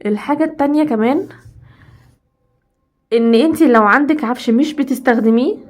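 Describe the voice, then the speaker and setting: A woman with a high voice and a brisk manner, speaking with an Egyptian Arabic accent, gives casual but emphatic home advice to women and repeats her points for stress.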